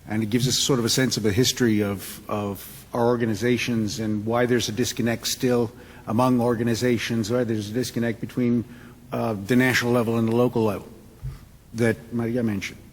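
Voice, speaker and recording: A man from Puerto Rico speaking earnestly on a symposium panel, halting and restarting his sentences. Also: mid-range voice, a little mellow, husky. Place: conference hall. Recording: long reverb of a large hall.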